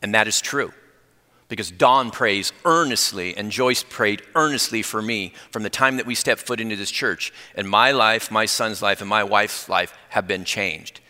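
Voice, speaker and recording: Earnest man preaching in an echoing church. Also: lowish voice. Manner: earnest, builds excitement, talks fast when fired up; personal testimony, conversational asides. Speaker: lay preacher. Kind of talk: sermon. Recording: long reverb in a church hall.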